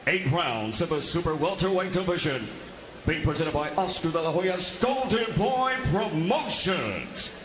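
A man working as a boxing ring announcer, formally presenting in a theatrical way with drawn-out, booming introductions. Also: animated. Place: boxing ring in an event venue. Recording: echoing arena PA with loud background noise.

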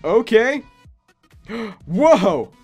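A man's voice: high-pitched, big pitch swings, drawn-out words, darkish tone, husky, faint music behind. A man giving casual gameplay commentary as a video host, exclaiming and talking to himself with playful sarcasm.

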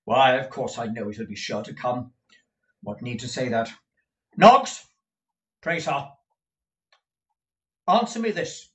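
A man's voice: mid-range voice, fairly even intonation, moderate pace, recorded from a distance, close to an everyday voice. A man voicing a harsh, impatient moneylender who speaks in curt commands. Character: harsh impatient middle-aged male moneylender.

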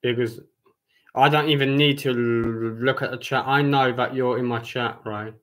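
A young man, talking to his viewers on a livestream. His voice sits at an everyday middle pitch. He rambles, says the same thing over and over, and stumbles into restarts. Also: steady tone, a bit bright, low-quality recording. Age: 20s. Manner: rambling, repeats himself, halting restarts. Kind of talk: casual livestream chat.

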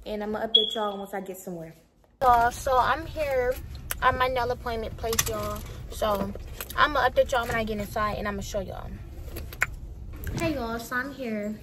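A woman's voice: on the high side, background noise. A teenage girl vlogging casually to the camera. She is chatty and keeps calling her viewers "y'all.". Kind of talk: casual vlog talk to camera.

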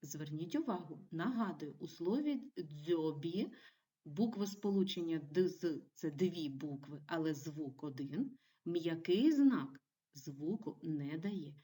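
A woman teaching a primary school video lesson, giving clear and encouraging instructions to young children. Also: low-pitched, expressive, unhurried, dark tone, far from the mic. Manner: clear, encouraging classroom delivery.

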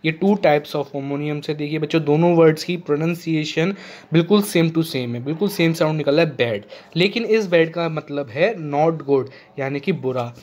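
A male teacher giving a classroom grammar lesson to children, often checking they follow and reading English examples slowly. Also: fairly high pitch, darkish tone. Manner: addresses children, frequent "ठीक है ना" checks, slow spelled-out English examples. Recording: echoey room.

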